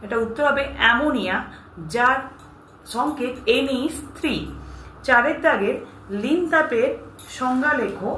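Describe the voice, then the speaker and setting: A woman's voice: high voice, a little slow, long pauses. Instructive woman teacher in echoey room. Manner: steady, instructive, addresses students directly. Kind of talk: reading out exam questions and answers. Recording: echoey room with faint hiss.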